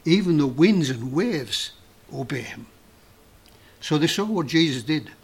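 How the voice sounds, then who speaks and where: A man preaching a sermon in an earnest, emphatic way with dramatic pauses. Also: a little high, lively intonation, husky.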